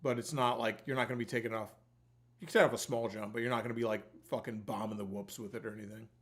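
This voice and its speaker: A man's voice: on the low side, fairly even intonation, quick pace. Casual, sweary man hosting a livestream. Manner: sweary, informal, colloquial. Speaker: livestream giveaway host. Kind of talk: casual rambling livestream chat.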